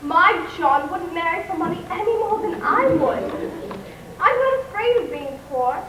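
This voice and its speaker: A woman's voice: extremely high pitch, expressive, normal speed, fairly bright tone. A woman playing a spirited proper young lady. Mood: defiant. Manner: earnest, polite, flustered when pressed. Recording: echoey distant old recording with hiss.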